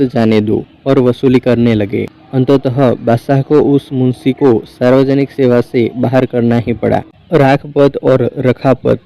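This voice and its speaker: A man reading folk tales aloud as a storyteller, in an even, measured narration. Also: medium pitch. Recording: dry, slightly dull recording.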